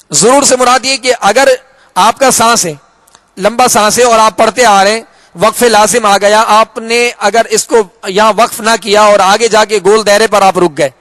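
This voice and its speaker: A man with a Pakistani Urdu accent, teaching Quran reading in a slow, patient lesson, repeating each rule and drawing out the example words. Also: sits high, bright, forceful tone, no echo. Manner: patient, repeats key rules, drawn-out Arabic examples.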